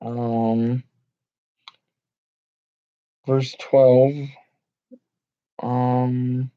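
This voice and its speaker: Man teaching Bible verses, halting with fillers, dry close sound, muffled lo-fi audio. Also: mid-range voice, level tone, warm tone, clean tone, no room sound. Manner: halting, many fillers and restarts. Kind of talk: informal Bible reading and commentary. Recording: dull lo-fi home recording.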